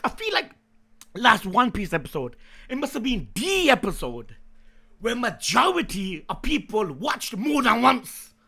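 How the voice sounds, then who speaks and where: A young man with a raspy, creaky voice doing excited live reaction commentary in slangy, hyped-up bro talk that bursts into shouting. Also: very high voice, measured pace. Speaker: YouTube anime reaction host.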